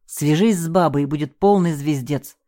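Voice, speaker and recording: A woman's voice: sits low, moderate pace, warm tone, close to an everyday voice. A woman narrating a sardonic tough guy under fire. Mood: gruff, mocking. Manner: mocking, terse, barks orders. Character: tough, sardonic man in a gunfight.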